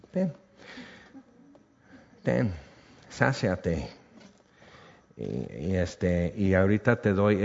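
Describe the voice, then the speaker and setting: A man's voice: medium pitch, muffled recording. Mexican man preaching in a reverberant hall. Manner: animated storytelling, reads scripture aloud. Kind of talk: sermon.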